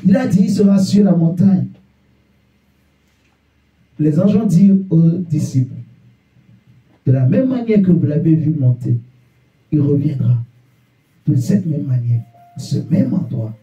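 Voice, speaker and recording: A man preaching a fervent sermon to a congregation, repeating rhetorical questions and bursting into shouts. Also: on the high side, lively intonation, unhurried, pauses often. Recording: echoey church room, distant mic, faint guitar.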